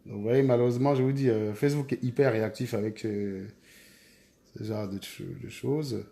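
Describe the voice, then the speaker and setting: A man's voice: mid-range voice, fairly even intonation, normal speed, gravelly, dark tone. A man hosting a live stream, chatting casually and repeatedly urging his viewers to hurry. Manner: urgent, repetitive urging of viewers.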